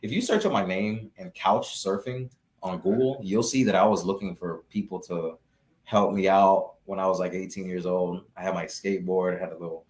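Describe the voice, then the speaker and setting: A young man from Florida chats easily as an interview guest, his voice sitting a little low. He keeps things loose and conversational, often leaning on "you know" and starting sentences over. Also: normal speed. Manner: relaxed, peppered with "you know" and restarts. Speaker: guest, real estate investor. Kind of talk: casual live Q&A chat.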